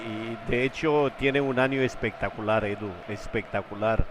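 A man's voice: mid-range voice, moderate pace. A man giving live football analysis as a pundit, emphatic and admiring, often repeating words as he goes. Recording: noisy outdoor stadium ambience.

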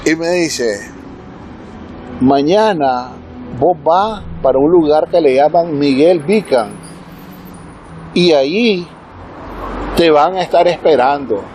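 A man's voice: fairly high pitch, lively intonation, slow, pauses often, darkish tone, slight background noise, poor audio. A man recounting a dream and an ambush, imitating gunfire with his voice. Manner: vivid storytelling with gunfire sound effects. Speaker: interviewed witness. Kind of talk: recorded testimony.

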